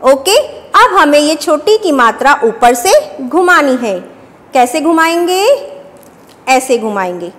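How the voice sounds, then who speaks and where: A woman's voice: high voice, sing-song, takes it slowly, fairly bright tone, long reverb tail. A woman teacher giving a children's language lesson, who repeats each point as a question and then answers it.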